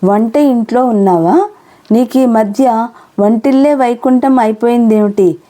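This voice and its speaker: A woman's voice: a little high, measured pace, mellow, natural voice. A woman voicing a busy, impatient young husband in an audio novel, speaking in brusque, exasperated questions. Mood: teasing.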